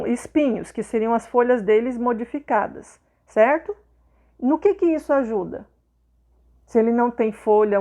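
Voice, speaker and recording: Woman, teacher, patient explainer, voice a bit high. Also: darkish tone. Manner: patient, checks understanding with tags like "tá?" and "né?". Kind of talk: explaining a lesson to pupils.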